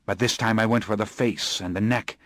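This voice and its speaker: A man reading an audiobook in scripted narration, hushed and low in the eerie passages and urgent in the action. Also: fairly even intonation, a little fast, no echo, clean studio sound.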